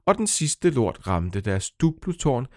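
A man's voice: mid-range voice, big pitch swings, warm tone, no echo, studio quality. A man narrating his own children's story, playful and speaking directly to young listeners. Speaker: storyteller and author.

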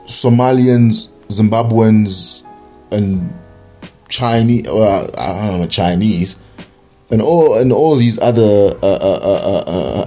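Young South African man, lowish voice, casual rambling monologue with faint music under it. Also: dark tone. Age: young adult. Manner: rambling, many fillers and restarts.

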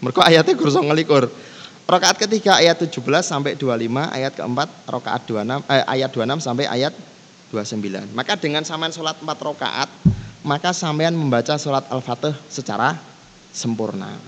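A man's voice: medium pitch, animated, normal speed, a bit bright. A man with a Javanese accent leading a casual religious lesson, easygoing and switching between languages, reciting Arabic passages. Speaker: Islamic teacher leading kitab study. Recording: long reverb with faint background noise.

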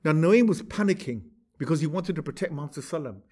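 Man, storytelling lecture, conversational, somewhat high voice. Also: animated, very fast, warm tone. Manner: conversational, asks "right?" to check in. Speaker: religious teacher.

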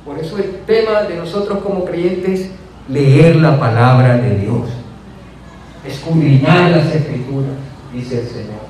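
A man's voice: fairly high pitch, a little slow, darkish tone. A man preaching a sermon, telling a story and rising to fervent passages. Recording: echoey hall from far off, faint noise.

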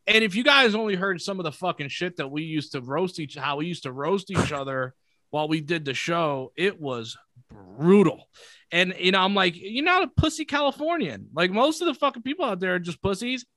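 A man in his twenties, a comedian guest talking casually and profanely on a podcast, animated in his storytelling. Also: high voice, fairly quick, no room sound. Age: 20s.

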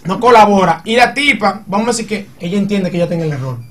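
A man with a high voice talks quickly, piling example on example as he argues in a casual group chat. He sits a bit back from the microphone, so his voice sounds slightly distant. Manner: animated, argues by giving examples.

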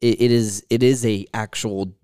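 A man's voice: on the low side, fairly even intonation, moderate pace, warm tone, clear, resonant tone, no echo, studio quality. A man co-hosting a podcast in casual chat, rambling and laughing often. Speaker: podcast co-host.

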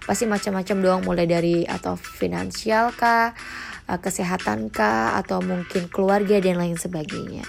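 A woman's voice: lowish voice, steady tone, normal speed, gravelly, faint music behind. A young woman, hosting her own podcast in a chatty way with lots of fillers and English phrases thrown in. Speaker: podcast host. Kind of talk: casual solo podcast.

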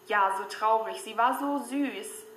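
A young woman hosting her own channel, reading scary chat messages aloud in a lively, excitable way. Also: on the high side, unhurried. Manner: lively and excitable, squeals and laughs at scary parts. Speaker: horror chat YouTuber. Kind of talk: reading out scary chats to viewers. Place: room at home, sitting on a stool. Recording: echoey room, faint background noise.

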